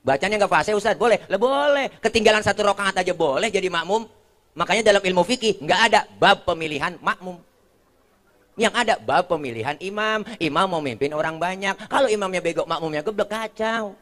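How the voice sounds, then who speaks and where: Joking Betawi-accented preacher, higher voice. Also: male voice, fairly bright tone. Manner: jokey, keeps asking the crowd for agreement; slips into quick put-on voices for jokes. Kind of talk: comic sermon.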